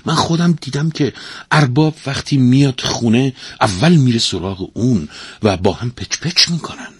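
Storybook casting: a meek, deferential young servant girl, voiced by a man, pitched high. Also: lively intonation, breathy edge, dry recording. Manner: pleading, deferential. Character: timid young female maid.

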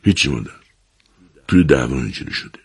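A man's voice: rumbling low, lively intonation, slightly rough, heavily acted. A man voicing a tense, defensive young farm man in an audiobook reading.

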